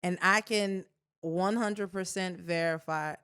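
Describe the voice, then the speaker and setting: A woman's voice: fairly low pitch, steady tone, slow, a bit bright, clear, resonant tone. A woman co-hosting a podcast, affirming her guest and playfully insisting on her point in a friendly argument. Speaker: podcast co-host. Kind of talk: casual podcast conversation.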